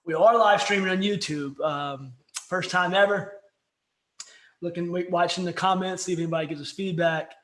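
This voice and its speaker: A high-pitched, fairly bright-toned podcast co-host speaks at normal speed with fairly even intonation. He's chatting over beers in a jokey, rambling fashion that keeps getting interrupted. Echo fills the room.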